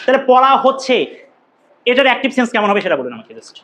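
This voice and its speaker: A man's voice: very high-pitched, sing-song, fast, a bit bright, a little hiss or hum, rough recording. A young man teaching English grammar to a classroom, questioning his students and repeating key points as he goes.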